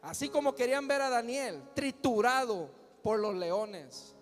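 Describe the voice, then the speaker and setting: A man's voice: very high voice, animated, unhurried. A man preaching a sermon as pastor, emphatic, firing rhetorical questions and calling the crowd to answer. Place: large church hall. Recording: long hall reverb with faint music.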